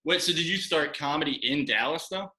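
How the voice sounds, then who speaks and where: A man's voice: a little high, a little fast, a crowd in the background. A man co-hosting a casual podcast, easygoing, asking the guest questions. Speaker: podcast co-host. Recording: roomy echo.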